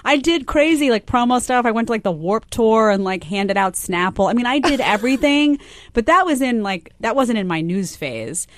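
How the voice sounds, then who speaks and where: A woman's voice: a little high, animated, normal speed. A woman in casual conversation, chatty and laughing as she tells stories about her early jobs. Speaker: TV news personality. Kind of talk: casual chat.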